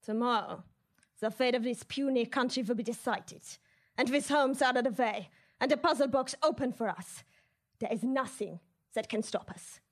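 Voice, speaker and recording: A woman's voice: on the high side, normal speed, lightly acted. A woman voicing a scheming female Nazi villain with a put-on German accent in a comedy audio drama, menacing and gloating.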